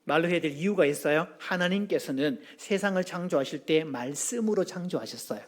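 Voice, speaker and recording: In a church sanctuary, a pastor with a high, bright voice preaches a lively, humorous sermon at a slightly fast clip. Along the way he tosses questions out to the congregation.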